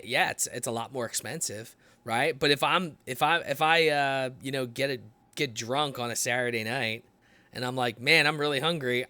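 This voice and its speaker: A podcast host in his late 30s chats loosely in casual conversation, swearing freely as he goes. His voice is medium-pitched with a sharp tone, and the recording is dry.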